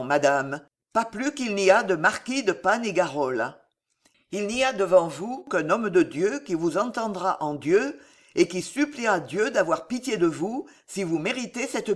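A narrator voicing a monk confessor who speaks in a flat, indifferent, solemn way in an audiobook reading. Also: male voice, high-pitched, a little slow, heavily acted. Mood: cold.

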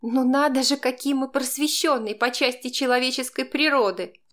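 A woman voicing a frightened, furious young woman who is cornered, speaking in shrill, hysterical bursts. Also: normal speed, close to an everyday voice. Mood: distraught.

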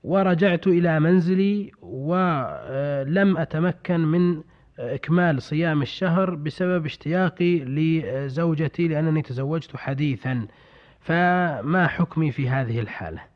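A man presenting a radio program in formal Standard Arabic, reading out listener letters in a measured, slightly hesitant way. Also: on the high side, animated. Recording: dull lo-fi radio recording.

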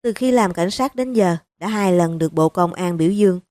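A woman narrating a crime novel in a steady, even storytelling manner. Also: lowish voice, a little fast, dry recording. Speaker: audiobook narrator.

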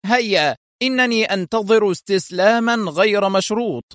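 A man's voice: sits high, normal speed, a bit bright, dry recording, pitched above the performer's own voice. A sneering, ice-cold spymaster taunts his trapped enemies, as a man puts him on in a raised, clipped voice. He talks in a dry, close audio-story read. His tone stays mocking and commanding. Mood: mocking, stern. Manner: sarcastic, stern. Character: sneering man, intelligence chief, coldly mocking.

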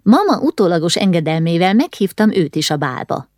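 A woman's voice: on the low side, very animated, darkish tone, no room sound, clean studio sound. A woman voicing an eager, scheming young noble girl who talks persuasively, in an audiobook reading.

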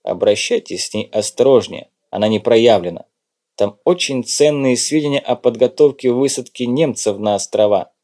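A man reading an audiobook, voicing a brisk, curt undercover agent. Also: mid-range voice, warm tone, natural voice. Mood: tense. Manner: brisk, clipped, occasionally snappish. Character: cool, curt male undercover agent in his prime.

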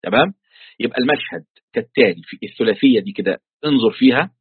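Animated and fast-talking, a man of medium pitch with a slightly rough voice and an Egyptian Arabic accent teaches tafsir online. He explains the religious text in everyday colloquial terms with examples from daily life, and the dry recording comes through a computer call mic as tinny audio.

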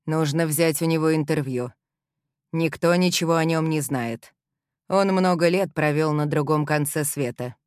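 A woman's voice: sits low, moderate pace, clear, resonant tone, no room sound, studio quality, natural voice. Woman reading a blunt stern male boss. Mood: businesslike.

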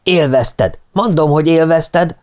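A man reading an audiobook, voicing a young woman captive who lashes out in shrill, accusing outbursts. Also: darkish tone, close to an everyday voice. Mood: furious. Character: distraught young woman held captive, bitter.

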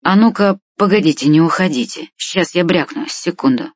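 A woman's voice: lowish voice, fairly quick, dry recording, muffled recording, natural voice. Woman voicing a crude, sleepy man of thirty. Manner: crude, casual.

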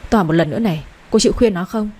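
Woman doing a cold rich mom, bossy, warm husky voice. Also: medium pitch, very fast, lightly acted. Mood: angry. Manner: curt, commanding, impatient. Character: stern wealthy older mother, domineering.

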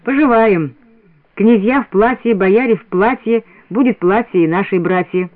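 A man voicing a proud, calm young bell caster who speaks low and restrained. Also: normal speed, close to an everyday voice. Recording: dry, narrow radio sound.

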